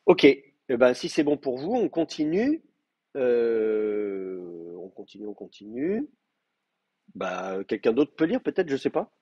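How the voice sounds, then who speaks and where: Husky male teacher in a muffled classroom. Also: mid-range voice, sing-song, slow pace, mellow, dry recording. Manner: hesitant, many fillers and restarts while explaining. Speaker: Hebrew teacher. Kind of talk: classroom lecture. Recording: muffled, dry classroom recording.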